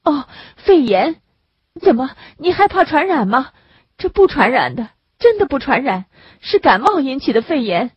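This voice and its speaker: A woman reader voicing a desperate grieving young mother who pleads in a high, tearful voice. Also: big pitch swings, normal speed, no echo. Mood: anxious. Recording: dull lo-fi dry recording.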